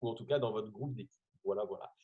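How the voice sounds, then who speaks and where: A man's voice: fairly low pitch, quick pace, narrow, tinny audio. A man hosting a training session on a video call, talking casually with many hesitations and jokes. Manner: hesitant, many fillers, jokey. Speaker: host.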